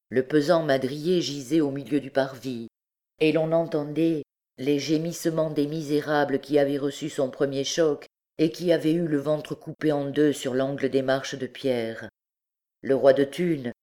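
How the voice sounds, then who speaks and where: A woman reading a classic novel aloud, in steady, measured narration. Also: very deep voice. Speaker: audiobook reader.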